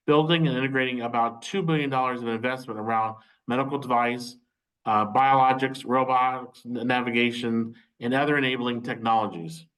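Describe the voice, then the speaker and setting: A man's voice: medium pitch, a bit bright, poor audio. Male host for a video-call webinar, mid-range voice, formally reading prepared remarks with small stumbles. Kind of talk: reading a scripted speaker introduction.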